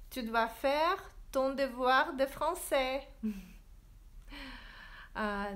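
A woman teaching French in a livestream, drilling verb forms slowly and switching into English to explain. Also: high-pitched, a bit bright. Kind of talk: livestreamed language lesson. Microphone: phone livestream.

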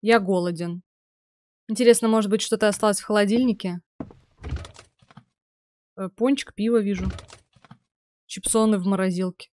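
This young adult woman is a game streamer offering muttered, casual let's-play commentary on a horror game, reacting aloud and reading out subtitles. She speaks at normal speed with frequent pauses, in a medium-pitched, slightly mellow voice, and there is a little hiss or hum.

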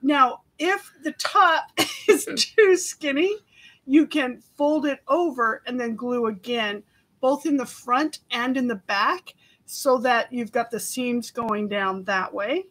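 A woman's voice: high voice, slow, a bit bright, poor audio. A woman hosting a live craft tutorial, chatty and giggly, laughing often as she explains each step. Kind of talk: live craft demonstration chat.

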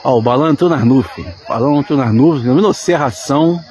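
A man giving excited, swearing live commentary at an outdoor balloon launch, calling out and mock-praying as he films. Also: mid-range voice, fast talker. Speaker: balloon enthusiast filming a launch. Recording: outdoor phone recording with loud crowd noise.

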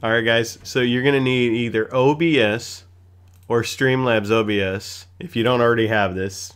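A man in his thirties hosts a playful, goofy screen-recorded streaming tutorial, chatting casually from a small home room with a gaming setup. His voice is medium-pitched and a bit bright.

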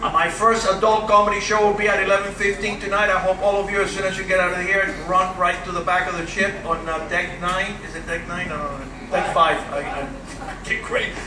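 Comedian teasing a big room. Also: male voice, sits high, level tone, fairly quick. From Cuba. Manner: punchy, teasing the crowd. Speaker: stand-up comedian. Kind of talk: stand-up comedy set. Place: large cruise ship theater stage. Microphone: handheld mic, filmed from far back in the hall. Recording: roomy theater sound from far off, loud crowd and noise.

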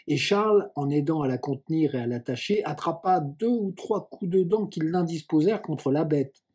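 Man reading a classic novel aloud, measured, husky voice, mellow tone. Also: a little high. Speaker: audiobook reader.

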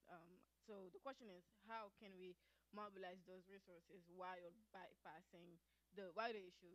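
A young woman from Senegal speaks from the audience of a conference room into a handheld mic. Her voice is slightly low for a woman, and her question comes out thoughtfully with many fillers. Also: low-quality recording.

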